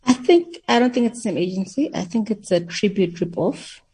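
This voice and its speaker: A woman giving candid, measured analysis as an expert guest on a radio show. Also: medium pitch, animated, warm tone, slightly rough.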